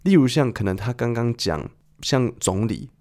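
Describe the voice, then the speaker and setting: A man's voice: medium pitch, very animated, moderate pace, darkish tone. A man hosting a podcast listening lesson, patiently explaining and asking the listener questions in a conversational way. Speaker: podcast host and English listening teacher.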